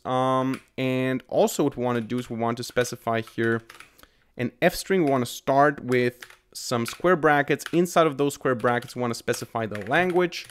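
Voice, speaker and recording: A native German speaker in his twenties narrates a coding screencast, explaining code as a tutorial host. He sits at a desk in a small indoor room, close to a desk microphone in front of him. His voice is medium-pitched, with slight background noise and keyboard typing audible.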